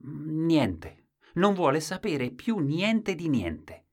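A man's voice: a little high, big pitch swings, very slow, pitched above the performer's own voice, full character voice. A man reading a children's story, voicing a worried wife who questions her husband in a plain, slightly raised voice. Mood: resigned.

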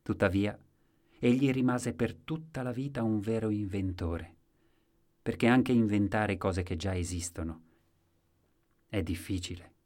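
A man reads a story aloud with a low voice and a measured delivery. He slows down to let key moments land. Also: a little mellow. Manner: measured, slowing for emphasis. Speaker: narrator. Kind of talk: storytelling reading.

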